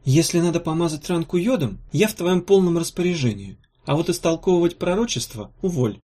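Man voicing a brisk valkyrie healer woman. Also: a little high, animated, mellow, pitched above the performer's own voice. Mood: matter-of-fact. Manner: brisk, blunt, a little embarrassed. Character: fussy, practical female valkyrie healer.

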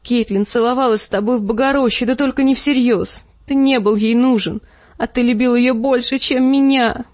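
A shrill, high-pitched noblewoman, as a woman reader puts her on, screeching her jealousy through tears. Her voice sits high and sounds dry and close, with no room around it. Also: steady tone, moderate pace, darkish tone, no room sound, close to an everyday voice. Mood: shrill hysterical.

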